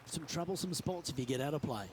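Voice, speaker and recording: A man giving golf commentary as lead announcer, in understated, measured remarks on play. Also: on the high side, slight background noise.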